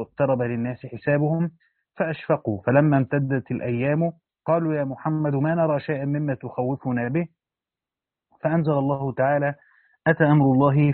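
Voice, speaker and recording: This religious lesson features a man with a medium-pitched voice who reads from a Quran commentary and breaks off with simple spoken remarks for his students. The sound is dry, with no room ambience, and has a thin, phone-like quality.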